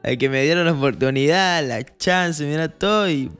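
A young man with an Argentine Spanish accent telling a casual storytime monologue, acting out the scenes with lively jumps in his voice. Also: moderate pace, clear, resonant tone, faint music behind. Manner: animated, acts out scenes with rising pitch.

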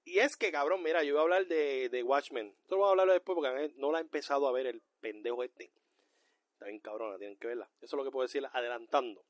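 A man co-hosting a podcast in casual pop-culture chat, ranting loudly with lots of profanity. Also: mid-range voice, fast talker, dry recording, studio quality. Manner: loud, profane, animated ranting. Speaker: podcast co-host.

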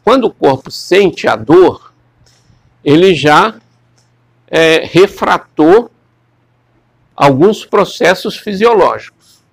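A man's voice: high-pitched, lively intonation, slow pace, creaky, pauses often, slightly rough, no echo. A man giving a classroom lecture, rambling and repeating words as he questions his students.

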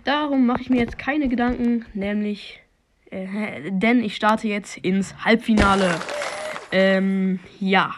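Woman on a noisy, low-quality phone mic. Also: fairly even intonation, slow, some chatter behind. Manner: slangy, swears, talks to herself and her listeners. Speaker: podcast host playing a video game. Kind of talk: casual live game commentary. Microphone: phone microphone.

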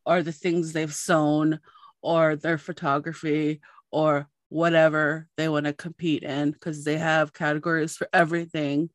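A woman podcast host and journalist, chatting casually and telling a lively story, acting out the voices of the people in it. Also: sits low, a little slow, no room sound. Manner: animated storyteller, acts out quoted voices.

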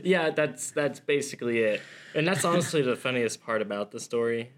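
A man's voice: mid-range voice, lively intonation, fairly quick. A young man co-hosting a podcast in casual comedic chat, playful and self-deprecating. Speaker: podcast co-host.

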